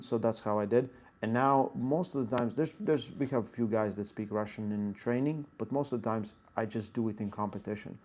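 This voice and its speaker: A man with a Latvian accent and a fairly low, darkish voice coaches arm wrestling during a live Q&A. He reads viewers' chat questions out loud and explains technique in short bursts.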